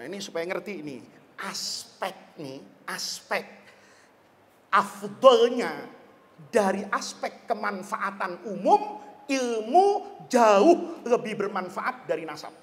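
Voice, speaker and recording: Animated preacher man, reverberant hall. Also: high voice. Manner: animated, jokey, asks the audience questions. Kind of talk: lively religious lecture.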